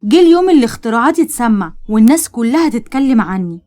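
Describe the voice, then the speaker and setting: A woman with an Egyptian accent voicing an eccentric young woman inventor who talks in an excited, defiant way. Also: a little high, quick pace.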